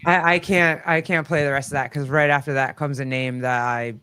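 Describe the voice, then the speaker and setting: A man's voice: mid-range voice, steady tone, fairly quick, pushed and bright, smooth. A man hosting a casual live call-in stream, talking informally and swearing freely. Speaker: livestream host.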